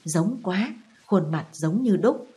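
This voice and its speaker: A proud old lady of rank, voiced by a woman reading a storybook, formal and probing behind a show of friendliness. The voice is low and mellow. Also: lively intonation, slow, breathy edge, full character voice. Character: elderly mandarin's widow, proud, scheming mother.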